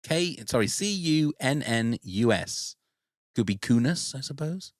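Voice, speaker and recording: A man hosting a casual podcast quiz, playful and quick to laugh. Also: mid-range voice, expressive, dry recording, studio quality. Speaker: podcast host running a quiz.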